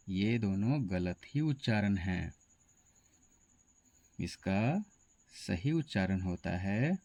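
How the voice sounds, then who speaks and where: A man's voice: on the low side, darkish tone, no room sound, dull audio. A man teaching a pronunciation lesson to students, spelling out words letter by letter.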